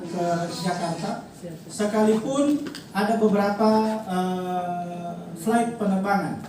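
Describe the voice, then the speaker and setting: A travel agency director with a North Maluku accent, briefing a group of pilgrims at a send-off event, explaining with many pauses, fillers and repeated details. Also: mid-range voice. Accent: North Maluku (Ternate Malay). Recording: very echoey hall, distant mic, crowd behind.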